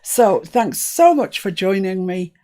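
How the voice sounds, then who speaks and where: A Scottish-born woman hosts a live crafting stream on her channel, chatting casually and laughing often through a live-stream microphone setup. Her medium-pitched, mellow voice swings widely in pitch, and she takes her time.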